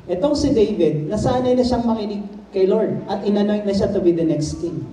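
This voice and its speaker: Male preacher, Filipino accent, high pitch, dark mellow tone, preaching in a church hall, roomy echo, mic at a distance. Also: moderate pace, slight background noise. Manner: switches between Tagalog and English, reads Bible verses then explains them; acts out scenes, shouting some lines and dropping to a whisper on others. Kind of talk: sermon. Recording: echoey room, far from the mic.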